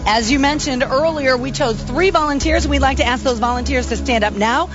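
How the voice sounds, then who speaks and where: High-pitched female TV field reporter. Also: fairly quick. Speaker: TV news reporter. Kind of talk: live on-location reporting. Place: outdoors in downtown rain. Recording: dull broadcast audio, music behind.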